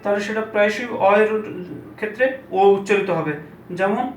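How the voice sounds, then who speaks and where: A man teaching pronunciation, repeating example words slowly and asking rhetorical questions. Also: high voice, fairly even intonation, slight background noise. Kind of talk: Bengali pronunciation lesson. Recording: echoey room, mic at a distance, faint ambience.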